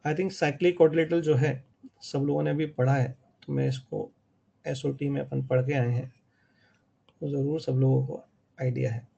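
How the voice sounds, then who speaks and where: Gravelly Indian man teaching geometry. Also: mid-range voice, fairly even intonation, normal speed, pauses often, warm tone, muffled recording. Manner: explains step by step with frequent "है ना?" check-ins. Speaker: math teacher. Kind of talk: online live class lecture.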